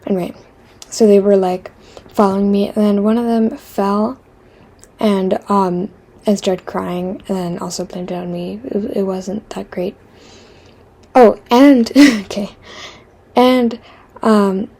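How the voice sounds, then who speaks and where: A woman vlogger unspools a story while drawing, drifting between tangents with lots of ums and likes. Her voice is soft and mellow with a breathy edge, and she talks at an unhurried, drawn-out pace. Her asides come out dry and deadpan. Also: medium pitch. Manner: meandering, filler-heavy, self-interrupting.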